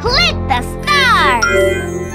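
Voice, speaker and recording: A young actress voicing a cheerful girl explorer in a children's game, coaxing the player along in an upbeat way, with loud game music behind. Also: very high voice, wildly swooping pitch, drawn-out words, exaggerated voice.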